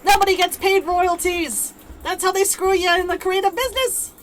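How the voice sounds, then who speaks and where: A woman's voice: extremely high pitch, flat delivery, normal speed, slight background noise, voice pushed up. A woman voicing a jaded, scheming theater boss in a video game, griping in a grandiose way. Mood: indignant griping.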